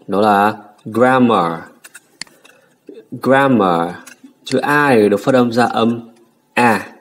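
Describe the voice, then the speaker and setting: A man's voice: mid-range voice, moderate pace. A man with a Vietnamese accent teaching English pronunciation, patiently repeating each word to contrast the sounds, politely addressing the viewer. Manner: polite, ends phrases with "ạ" and "nhá". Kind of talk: pronunciation lesson.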